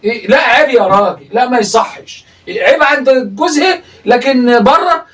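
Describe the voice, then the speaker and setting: Egyptian guy, really high voice, fast mocking commentary, keeps laughing, bit far from the mic. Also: a bit bright. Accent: Egyptian Arabic. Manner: teasing, laughing often, exclaiming. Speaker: comedic reaction host. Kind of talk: mocking reaction commentary on a livestream.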